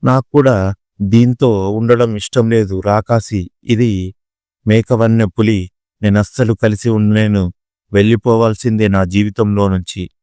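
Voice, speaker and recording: A man voicing a hot-tempered young husband who hurls insults slowly and emphatically while reading the story. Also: lowish voice, fairly even intonation, mellow, clean tone, no echo, studio quality, lightly acted. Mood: angry.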